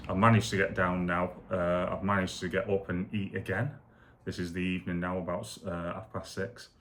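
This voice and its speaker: A man speaking candidly and casually in a rambling video diary, foggy and low on energy after surgery. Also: level tone, moderate pace, fairly bright tone, slight background noise. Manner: rambling, candid, matter-of-fact. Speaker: vlogger recovering from shoulder surgery.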